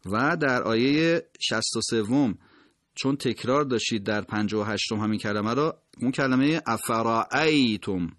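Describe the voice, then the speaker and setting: Man, recitation teacher, mid pitch, dry close sound, explains pronunciation and sounds out words slowly. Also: a bit bright, dry recording. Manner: explains quickly, then slowly and carefully sounds out each word as an example.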